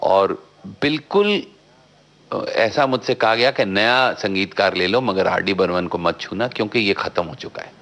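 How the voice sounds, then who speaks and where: A man, a filmmaker guest, telling a long anecdote in a radio interview, outspoken and animated, slipping English phrases into his talk. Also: fairly low pitch, normal speed. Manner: animated storyteller, mixes English phrases into Hindi; talkative and outspoken.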